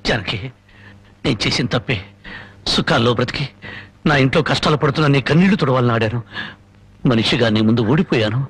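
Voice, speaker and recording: An actor playing a remorseful husband who pleads and sobs, calling a name over and over, in melodramatic film dialogue. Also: male voice, medium pitch, quick pace, pauses often, breathy edge, no room sound. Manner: pleading, sobbing, repeating a name. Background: loud film score music.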